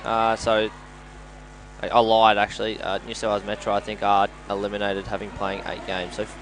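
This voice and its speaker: An Australian man commentating on a live match, analysing play in a measured way like a coach. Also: fairly low pitch, completely flat delivery, a bit bright, a little hiss or hum, low-quality recording. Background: indoor sports venue with games nearby.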